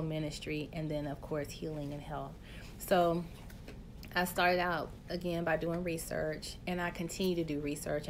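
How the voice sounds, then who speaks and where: A woman's voice: low-pitched, a little hiss or hum. A woman hosting a casual live stream on her phone, chatty and playful, reading viewer comments and talking straight to her audience. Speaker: host of a live stream, health coach.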